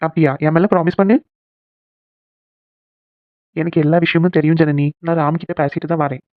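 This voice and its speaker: A performer voicing a caring young man in a cartoon who coaxes and gently scolds his friend. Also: mid-range voice, fairly even intonation, normal speed, no echo, close to an everyday voice. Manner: coaxing, bossy, gently scolding. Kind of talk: cartoon voice acting. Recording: tinny phone-like sound, dry.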